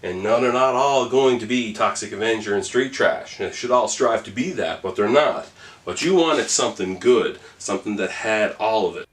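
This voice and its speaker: A man's voice: on the low side, expressive, moderate pace. A man co-hosting a casual comedy podcast about movies, talking in a mock-pompous, jokey way. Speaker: podcast co-host. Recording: roomy sound, a bit far from mic, faint noise.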